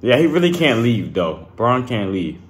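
A young man hosting a reaction video from his room, talking in a relaxed, chuckling way with headphones on. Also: mid-range voice, moderate pace. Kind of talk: casual reaction commentary.

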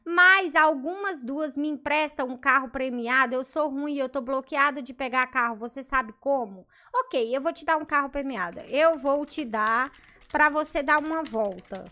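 Woman, Brazilian Portuguese accent, high voice, bright and sharp tone, excited gameplay commentary. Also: normal speed. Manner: excited, gasping, reading other players' chat aloud. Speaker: Roblox gameplay host.

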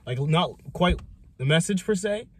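A man's voice: a little high, animated, normal speed, slight background noise. A man co-hosting a casual music reaction chat, keenly pointing out details in the track. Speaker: reaction video co-host.

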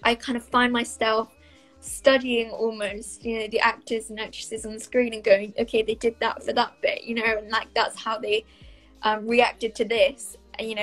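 On a video call via laptop webcam, a young Welsh actress from South Wales answers questions casually in a small bright room, thoughtful and heavy on fillers and hedges. Her voice sits a little high and a bit bright, with little pitch movement and normal speed, over soft background music in a rough recording.

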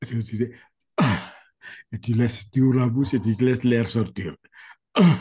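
A man teaching Quran letter reading over a video call, patient and repeating sounds slowly for his student. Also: mid-range voice, a little mellow, breathy edge. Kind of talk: online one-on-one lesson.

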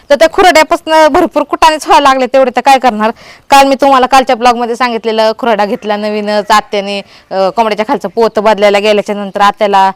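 Fast-talking village woman storyteller. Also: a little high, clear, resonant tone, no echo. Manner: animated retelling with quoted dialogue. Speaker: vlogger. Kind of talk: casual storytelling vlog.

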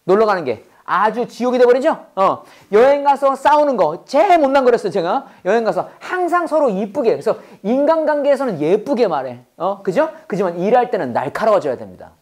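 A woman's voice: on the high side, very animated, fairly quick, hardly any pauses, darkish tone. A woman teaching an English class to students, drilling terms by call and response and joking between points.

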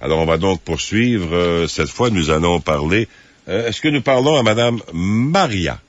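A late-night radio host with a very low voice, talking slowly and carefully, often pausing on fillers. The sound is dry and muffled, like broadcast audio. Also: male voice, animated, dry recording. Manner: measured, hesitant with many fillers. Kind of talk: phone-in radio talk.

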